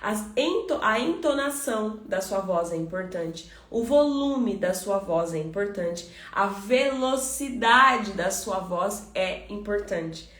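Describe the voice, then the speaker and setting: A Brazilian woman coaching on communication, talking fast and directly to the listener as a friend. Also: mid-range voice, expressive, fairly bright tone, echoey room. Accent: Brazilian Portuguese. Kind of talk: motivational podcast talk.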